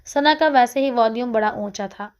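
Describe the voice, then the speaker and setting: A woman reading a first-person story aloud in a steady, conversational way. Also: a little high. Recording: dull lo-fi recording.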